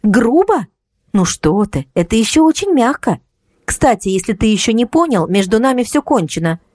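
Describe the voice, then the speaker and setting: A woman's voice: on the high side, big pitch swings, moderate pace, a little mellow, no echo, studio quality, pitched above the performer's own voice. A woman voicing a young woman who answers her ex in a steely, sarcastic tone in an audiobook. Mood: cold sarcastic.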